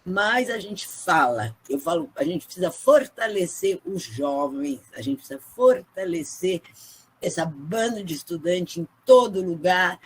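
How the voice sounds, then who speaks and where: A woman speaks with feeling at a virtual book launch, her voice husky and slightly breathy. She talks earnestly and keeps tossing in little tag questions to the listeners. The sound comes through a video call. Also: on the low side, very animated, unhurried. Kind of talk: emotional testimony.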